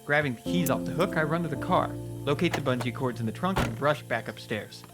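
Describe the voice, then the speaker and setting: A man giving a dramatic, scripted first-person narration of a horror story, with deliberate pauses. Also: mid-range voice. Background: music.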